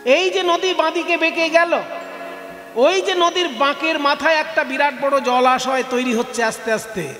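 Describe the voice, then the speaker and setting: A man's voice: very high-pitched, moderate pace. A male devotional preacher, explaining scripture by asking questions and repeating words for effect. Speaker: kirtan preacher. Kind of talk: devotional kirtan discourse. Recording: echoey hall, soft music behind.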